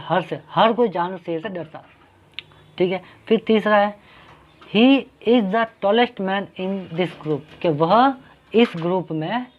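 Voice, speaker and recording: A man teaching an English grammar lesson. He explains patiently, repeating each point and asking questions that he then answers himself. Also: sits high. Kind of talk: classroom-style grammar lesson. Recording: dull lo-fi recording.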